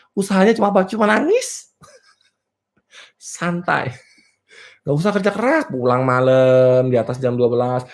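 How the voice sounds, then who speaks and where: A man coaching a seminar crowd on business and money, his pitch swooping with animation. He talks playfully, fires rhetorical questions and keeps asking whether everyone follows. He laughs easily at his own jokes. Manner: playful, rhetorical, repeatedly checks "clear?" with the audience. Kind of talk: motivational seminar talk. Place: live and virtual seminar.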